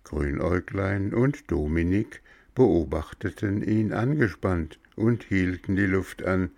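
A man narrating an audio story in a calm, unhurried reading manner. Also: low voice, no room sound.

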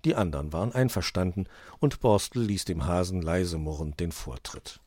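A man narrating a children's animal story in an expressive storytelling manner. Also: low-pitched, moderate pace, husky, no room sound.

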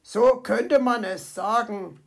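A woman's voice: on the high side, takes it slowly, creaky. A woman voicing a greedy male fox with a stomach ache who talks in a sheepish, whiny way.

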